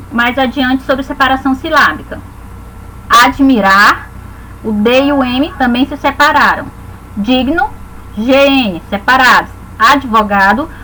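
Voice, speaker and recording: A woman's voice: sits high, a bit bright, a little hiss or hum, low-quality recording. A Brazilian woman teaching a grammar lesson, explaining patiently and spelling words out syllable by syllable.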